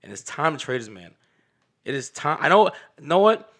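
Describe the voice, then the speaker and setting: A man co-hosting a casual fantasy football chat, animated and emphatic, joking as he argues his picks. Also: on the high side, fairly quick.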